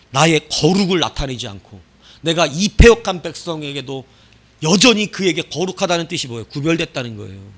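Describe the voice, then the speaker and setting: A male pastor delivering a sermon in a somewhat high voice that rises and falls in wide, lively swings. He keeps asking the congregation questions and answering them himself. Loud outbursts drop off into hushed endings. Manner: swings from loud bursts to quiet trailing phrase endings.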